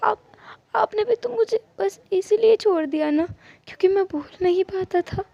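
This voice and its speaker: A woman reading a storybook puts on a panicked young man who is terrified of the dark, pleading and stammering through his lines. The voice sits high and crackles with a gravelly edge. The recording sounds muffled and lo-fi. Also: normal speed, no echo. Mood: tearful. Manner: pleading, stammering, repeats words. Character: frightened, clingy young man, scared of the dark.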